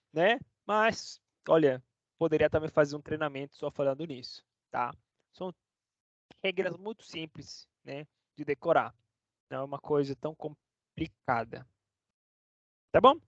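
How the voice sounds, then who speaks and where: A man's voice: on the high side, moderate pace, no room sound. A man teaching a casual online lesson, chatty, checking in with the class every few words. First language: Portuguese. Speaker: Spanish teacher. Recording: dry, dull lo-fi sound.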